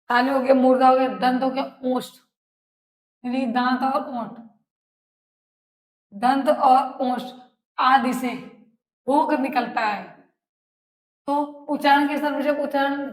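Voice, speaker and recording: A woman teacher giving a lesson, repeating each phrase slowly for students to write down and answering her own questions. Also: high-pitched. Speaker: Hindi teacher. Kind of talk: classroom lesson, dictating notes. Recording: echoey room.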